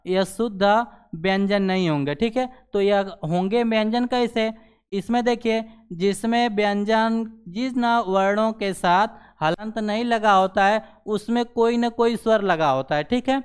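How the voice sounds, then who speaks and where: Guy teaching a grammar class, very clean clear voice, keeps checking in with the class and answers his own questions. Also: high-pitched. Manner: repeats "ठीक है" after nearly every sentence; asks questions and answers them himself.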